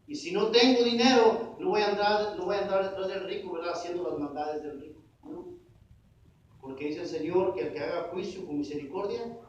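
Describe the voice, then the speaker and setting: High-pitched guy preaching in church, asks the crowd to fill in words, big echoey room, faint hiss. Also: a little mellow. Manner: call-and-response questions to the congregation; addresses listeners as brothers. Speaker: pastor. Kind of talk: sermon. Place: church sanctuary. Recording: echoey distant dull church recording.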